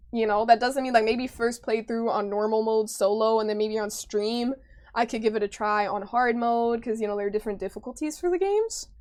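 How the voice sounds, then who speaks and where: A young woman with an American accent, chatting casually with her stream viewers in an animated, chatty way. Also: on the high side. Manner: chatty, animated retelling, frequent laughter.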